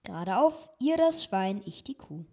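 A woman's voice: medium pitch, big pitch swings, unhurried, darkish tone. A woman voicing a sly male butcher in a storybook reading, talking in a coaxing, persuasive way.

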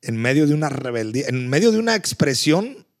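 A man's voice: medium pitch, sing-song, a little fast. A man, a pastor, talking in a casual faith conversation, telling his story with earnest feeling and stumbling over repeated words.

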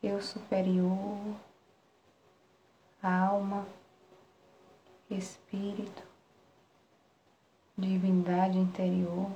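A Brazilian woman guiding a relaxation meditation in a soft, soothing spa-like manner, with long pauses between short phrases. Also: medium pitch, flat delivery, muffled recording. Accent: Brazilian Portuguese. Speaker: meditation guide. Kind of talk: guided relaxation meditation, live. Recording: roomy echo, faint background noise.

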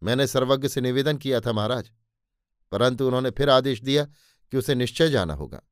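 A male narrator voices a resolute court minister in an audiobook tale. He speaks firmly but respectfully, at an ordinary pitch, in a dry close recording. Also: lively intonation, fairly quick, clean tone, no room sound, natural voice. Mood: stern. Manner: firm, respectful.

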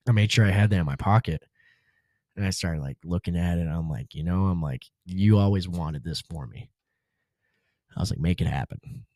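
A man's voice: deep voice, normal speed, pauses often, dark tone, dry recording, clean studio sound. A man guest on a podcast, telling a personal story in a casual, laid-back way, full of slang like "dude" and "bro".

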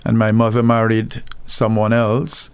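A middle-aged man from Guyana with a Guyanese accent, speaking as a guest minister on a radio call-in program, earnest and measured. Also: on the low side, completely flat delivery, vocal fry, clean tone, no echo. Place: radio studio.

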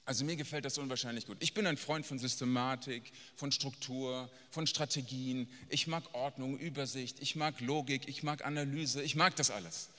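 A man preaching a sermon, blunt and emphatic, swinging from quiet asides to near-shouting. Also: medium pitch, fairly even intonation, moderate pace, few pauses. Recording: long reverb of a large hall.

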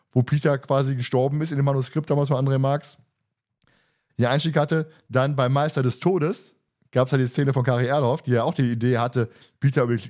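A man podcast co-host in casual chat, quick and chatty, explaining with a laugh. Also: mid-range voice, darkish tone.

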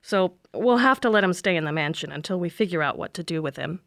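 A woman voicing a sharp-tongued, exasperated young woman in an audio drama. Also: fairly low pitch, animated, quick pace, creaky, dry recording, studio quality. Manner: wry, exasperated sarcasm.

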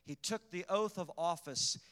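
A man preaching a sermon in a fervent, emphatic manner, with sudden loud bursts. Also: sits high, unhurried. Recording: long reverb, echoey hall.

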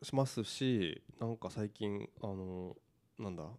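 A man's voice: on the low side, measured pace, clean tone. A man who is a guest on a casual talk show, speaking loosely with many fillers and hesitations. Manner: relaxed, hesitant, full of fillers. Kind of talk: casual chat.

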